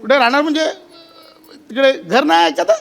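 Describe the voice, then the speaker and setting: A man acting in a Marathi stage comedy sketch, scolding and shouting in exasperation. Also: very high-pitched, expressive, brisk. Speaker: comic actor in a sketch. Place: television studio stage.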